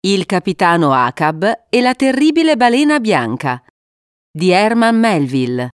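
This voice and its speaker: A woman narrating an adventure storybook in a measured, expressive reading. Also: mid-range voice, dry recording, clean studio sound.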